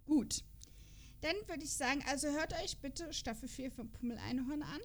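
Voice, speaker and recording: With a high-sitting voice and a moderate pace, this podcast host keeps things casual, chatting and reading out character profiles. Her reactions come as playful, gushing exclamations.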